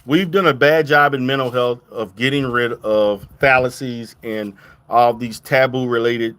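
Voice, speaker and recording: A middle-aged man talks casually to his viewers at an ordinary mid-range pitch. He restarts sentences often and keeps checking in with a quick "okay?" as he makes his points. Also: steady tone, a bit bright. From Louisiana. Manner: repetitive restarts, emphatic "okay?" check-ins. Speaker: therapist.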